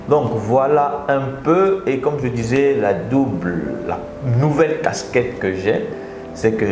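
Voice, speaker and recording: A man from the Republic of the Congo hosting a casual live stream from his office, energetic and talking straight to his viewers, often repeating his phrases. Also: medium pitch, echoey room. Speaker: live stream host and speaker.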